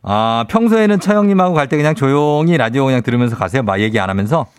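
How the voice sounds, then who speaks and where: Lively, playful male radio DJ. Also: medium pitch, fast talker, smooth, no echo. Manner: playful, teasing banter with a caller. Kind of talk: radio quiz show hosting.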